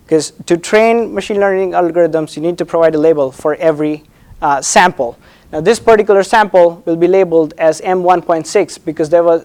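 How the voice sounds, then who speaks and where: A man presenting an academic thesis defense as a doctoral candidate, hesitant and halting, often repeating words and checking in with "right?". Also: on the high side, a little mellow.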